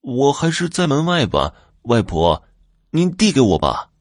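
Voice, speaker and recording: A man's voice: mid-range voice, very animated, measured pace, no room sound, clean studio sound, pitched above the performer's own voice. A man voicing a clever, brave little boy who calls out eagerly and urgently.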